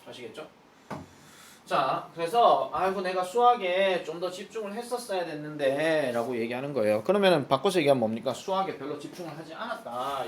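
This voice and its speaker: A man with a fairly high voice teaches a high school English textbook lesson, slowing down to read each English phrase carefully before explaining it. He sounds a little distant from the mic, in an echoey classroom with faint ambient noise behind him.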